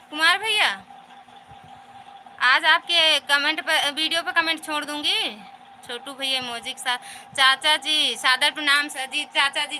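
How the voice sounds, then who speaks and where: In poor audio with a little hiss or hum, a high-pitched woman with a rural north Indian Hindi accent runs a live stream. She reads viewers' comments and thanks them individually, repeating warm, casual greetings.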